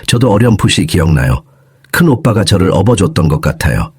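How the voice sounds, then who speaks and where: A man voicing a shy, tearful young woman who is the younger sister, in an audio story, with a husky voice. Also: low voice, very animated, fairly quick, no room sound, studio quality, heavily acted. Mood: soft.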